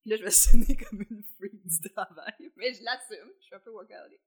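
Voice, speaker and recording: A woman's voice: medium pitch, brisk, husky. A woman with a Quebec French accent telling stories in casual chat.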